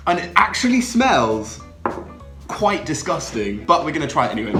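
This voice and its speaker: A man's voice: a little high, big pitch swings, normal speed, over music. A young man hosting a drinks vlog in casual, upbeat chat, laughing often. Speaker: drinks channel host. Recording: echoey room.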